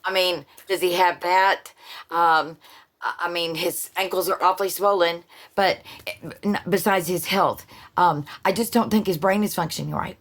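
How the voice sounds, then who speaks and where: Speaking at normal speed in a fairly bright voice on the low side, with a steady tone, a political commentary host gives a casual opinion piece on her own channel. The monologue is blunt and sarcastic, thick with profanity and restarts.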